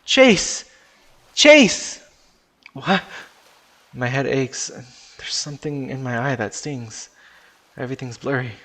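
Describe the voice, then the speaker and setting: A man narrating a first-person story in a live stream, his delivery casual and unpolished. He curses now and then and backs up to restart sentences, at a middle pitch for a man. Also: steady tone, moderate pace.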